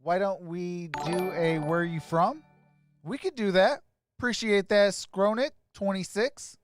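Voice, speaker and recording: A man's voice: high voice, measured pace, no echo, soft background music. Upbeat man reading chat, dry mic. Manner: upbeat, greets viewers by name and gives shout-outs. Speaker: live stream host. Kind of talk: casual live chat reading viewer comments.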